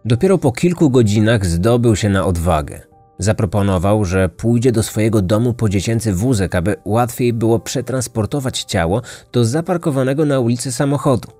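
A man reading a scripted true-crime story in a measured, dramatic way. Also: on the low side, animated, mellow, soft background music. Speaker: podcast narrator.

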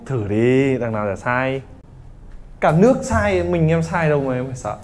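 A man in his thirties from Vietnam teaching an English pronunciation class, lively and teasing his students. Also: medium pitch, brisk, a little hiss or hum. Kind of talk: classroom lesson.

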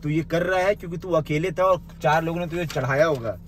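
A man's voice: on the high side, a little fast, a little hiss or hum. A young man in a small room delivering an angry, insulting rant into his phone, mocking and confrontational. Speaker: social media commentator.

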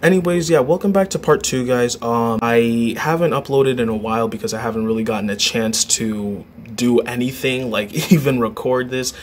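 Teen guy, casual vlog commentary, jokey, rambling, self-correcting, middle pitch, faint background noise. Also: moderate pace, few pauses. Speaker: vlogger.

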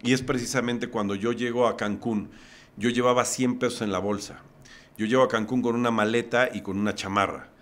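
Mexican man from Puebla, podcast guest, middle-pitched voice, recounting a personal story step by step. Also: fairly even intonation, a little fast.

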